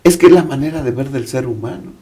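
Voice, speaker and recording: Un hombre mexicano que explica un texto bíblico en un panel, con preguntas retóricas. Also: male voice, mid-range voice, fast talker, warm tone, husky. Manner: explanatory, asks rhetorical questions. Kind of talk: Bible study panel discussion.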